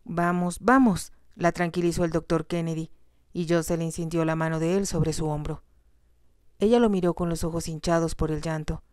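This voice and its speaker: A woman narrating a romance novel aloud in a soft, steady reading voice. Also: low voice, normal speed, no room sound, clean studio sound. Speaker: storyteller.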